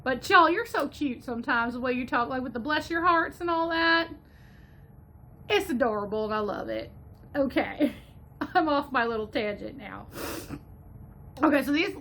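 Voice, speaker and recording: Chatty high-voiced Ohio woman. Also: animated, moderate pace, bright, forceful tone, a little hiss or hum. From Northwest Ohio, USA. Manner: chatty and gushing, slipping into a playful mock Southern drawl. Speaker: movie reviewer. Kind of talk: casual movie review.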